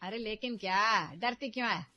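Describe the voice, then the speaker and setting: A woman's voice: mid-range voice, normal speed, no echo, dull audio, soft background music, close to an everyday voice. Woman playing a bossy scheming mother. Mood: scolding. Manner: loud, domineering, stirs up trouble. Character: scheming meddling middle-aged mother, bossy.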